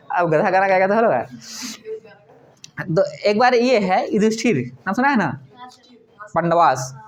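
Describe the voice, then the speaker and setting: Woman teacher telling the class a story, chatty, keeps asking then answering herself, normal mid voice. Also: medium pitch. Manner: conversational, asks questions and answers them herself, repeats "ठीक ना". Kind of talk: storytelling lesson to students.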